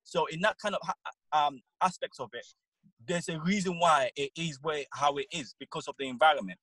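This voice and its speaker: A man in a casual panel debate, insistent and halting, often repeating words as he builds his argument. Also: a little high, bright, forceful tone, no room sound, low-quality recording.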